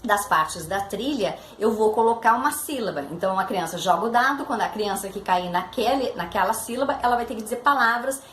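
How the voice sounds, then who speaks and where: A Brazilian woman teaching about literacy, walking her listeners through each step with concrete examples. Her voice sits at an ordinary middle pitch. The room around her is echoey, with a faint hum underneath. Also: lively intonation, brisk, few pauses, fairly bright tone. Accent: Brazilian Portuguese. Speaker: literacy education professor. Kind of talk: explanatory teaching talk.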